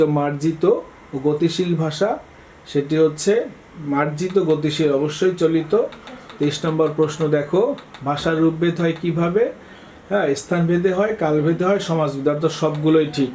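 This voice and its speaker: Brisk male teacher quizzing students. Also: fairly high pitch, darkish tone, slight background noise, poor audio. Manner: brisk, reads questions then answers, says "haan" and "look" often. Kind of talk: exam-prep lesson for students.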